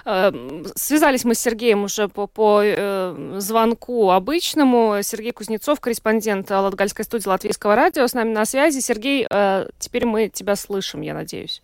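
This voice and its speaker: A woman's voice: medium pitch, animated, moderate pace, hardly any pauses, smooth, no room sound, clean studio sound. A woman hosting a radio news show who reads figures and introduces a correspondent, with a few fillers.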